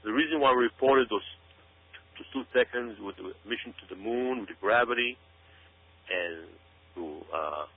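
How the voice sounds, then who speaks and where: Through a narrow, phone-like radio signal, a male guest delivers emphatic, conspiracy-minded commentary, leaning on repeated words and phrases. He has a mid-range voice, keeps a moderate pace, and pauses often.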